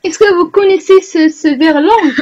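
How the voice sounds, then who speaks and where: A woman hosting an online language club, slowly explaining and checking whether the group follows. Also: very high-pitched, dark tone, highs cut off, faint music behind. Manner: slow, explanatory, asks the group questions. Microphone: video call.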